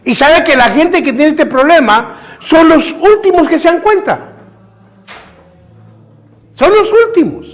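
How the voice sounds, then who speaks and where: A man's voice: very high voice, animated, slow, long pauses. A man preaching a fervent sermon in church as pastor, firing rhetorical questions and calling his listeners brother.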